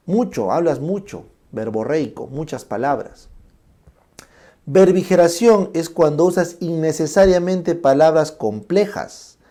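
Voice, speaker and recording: Gravelly, mellow-voiced male lecturer. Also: medium pitch. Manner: checks in often with tag questions; explains terms slowly, then shows them aloud. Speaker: medical lecturer. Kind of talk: classroom lecture.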